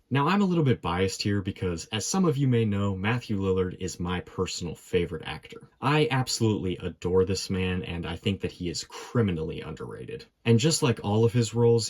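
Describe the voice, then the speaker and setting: A young man reads his film review over footage with clear fan enthusiasm. His voice sits low, with a husky edge to it. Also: a little mellow. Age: young adult.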